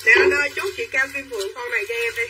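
A young woman selling clothes on a livestream, talking quickly and pushing viewers to claim items. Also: on the high side, recorded from a distance, heavy background noise. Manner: quick and pushy, urging buyers to claim items. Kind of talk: live-selling chatter to viewers.

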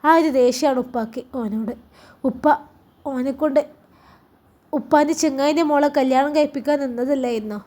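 A woman voicing a sorrowful elderly mother who pleads softly, in a Malappuram Malayalam accent. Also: high-pitched, moderate pace, long pauses, lightly acted. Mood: pleading.

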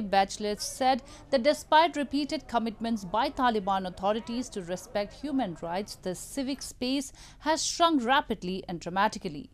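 A female news anchor reading scripted headlines in a studio with a measured, formal delivery. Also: fairly high pitch.

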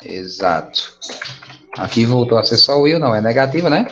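A man's voice: medium pitch, lively intonation, moderate pace, a bit bright, slight background noise. A man with a Brazilian Portuguese accent teaching an English class over a video call, patient and encouraging in a casual way. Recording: dull lo-fi online class audio.

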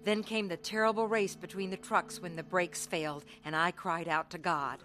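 An actress voices a young carnival worker in radio drama narration and dialogue, earnestly and reflectively describing her hard life with dramatic feeling. Her natural voice is on the low side, steady and a bit bright, at a moderate pace. Soft music sits in the background.

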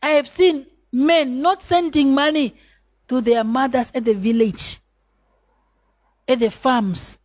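A woman's voice: high-pitched, fairly even intonation, slow, long pauses, a little mellow. A middle-aged woman pastor, preaching a sermon with strong rises and sudden drops in volume.

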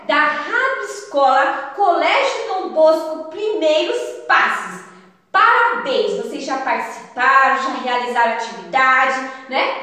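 A woman teacher giving a slow, encouraging remote lesson to young children. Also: high-pitched, a bit bright. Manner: slow, sing-song, encouraging. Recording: echoey room, distant from mic.

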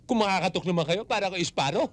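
An actor playing a teasing, smooth-talking young tenant in a slapstick comedy. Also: male voice, high voice, lively intonation, fast talker, soft background music. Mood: coaxing. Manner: teasing, sing-song.

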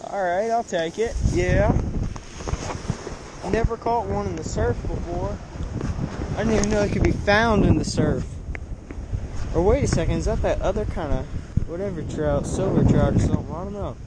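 A man filming his own fishing trip on a windy beach, muttering a running commentary to himself with a body-worn camera. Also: high voice. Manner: muttering to himself, quick reactions. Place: windy ocean beach outdoors. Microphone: action camera at chest height. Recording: loud wind noise on the mic. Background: surf and wind.

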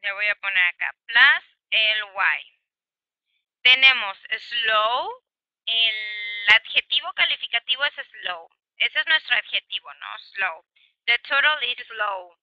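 A woman's voice: fairly high pitch, animated, slow pace, no echo, highs cut off. A woman with a Mexican Spanish accent teaching an English grammar class, explaining patiently with many examples and switching between Spanish and English.

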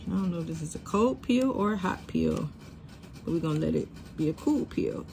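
Her voice is fairly low, brisk, expressive, a little mellow, and slightly raspy as she chats to viewers, whom she addresses as "y'all." She's demonstrating shoe decorating in a craft studio full of sewing and embroidery machines, recorded by a camera above her worktable.

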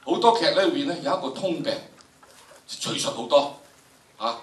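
An older Hong Kong Cantonese man, a drama educator, delivers an animated lecture to students in a large indoor lecture theatre. He is theatrical and emphatic, posing rhetorical questions in a slightly high voice with big pitch swings at normal speed. The sound is echoey, picked up by a distant camera microphone.

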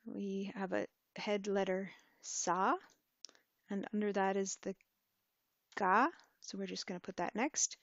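A woman tutor talking slowly through a typing lesson, her voice carrying a gravelly edge. She pauses, hedges and corrects herself as she types. The sound is close, dry and a little dull. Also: medium pitch, dry recording. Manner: relaxed, hesitant, thinking aloud while typing. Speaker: language teacher. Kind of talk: screen-recorded tutorial.

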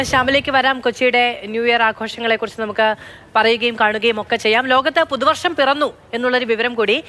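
A woman's voice: on the high side, bright, forceful tone. A woman presenting live news as an anchor.

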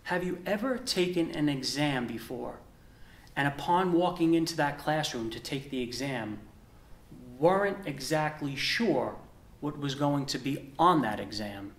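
A young deacon proclaims scripture and preaches in an earnest, measured way, leaning on deliberate pauses. His voice sits a little high for a man. The sound carries the echo of a small chapel, recorded from a distance. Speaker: deacon and seminarian. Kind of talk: gospel reading and homily. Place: indoor chapel with a stone wall. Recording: echoey chapel room.

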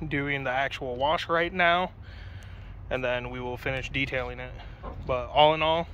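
Standing beside a car, a young man shoots a handheld phone review of a pressure washer and foam cannon with only slight background noise. He talks in a mid-range voice, relaxed and chatty, letting a swear word slip out when excitement hits.

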